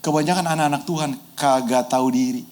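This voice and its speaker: A middle-aged man preaches to his congregation. His voice sits high for a man, and he tells the story with animated swings, breaking into shouts and easy street slang. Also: fast. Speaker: pastor. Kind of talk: sermon.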